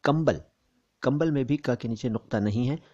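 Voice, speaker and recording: A man gives a pronunciation lesson. He talks in a measured, careful way at a middling pitch. The headset recording sounds a little dull and lo-fi. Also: a little mellow. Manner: measured, careful explanatory delivery. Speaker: language teacher. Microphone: bluetooth headset.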